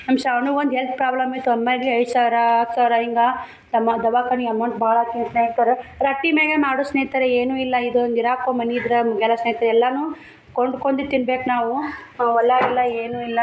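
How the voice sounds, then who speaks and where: A woman with a North Karnataka Kannada accent speaks in a fairly high voice, chatting plainly and earnestly to her viewers. She is in her thirties, and her talk has a home vlog feel. The room is echoey, with faint noise behind her. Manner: plain, heartfelt, addresses viewers as friends. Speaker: vlogger.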